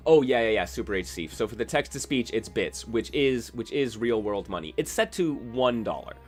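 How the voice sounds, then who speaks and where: A man's voice: medium pitch, lively intonation, moderate pace, soft background music. A man live-streaming a video game, chatting casually with viewers in a rambling, self-correcting way. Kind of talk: casual live-stream chat while gaming.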